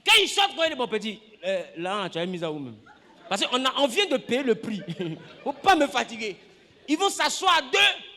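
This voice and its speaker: A pastor preaching a lively sermon, acting out scenes, shouting and laughing with the congregation. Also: male voice, extremely high pitch, normal speed, long reverb tail.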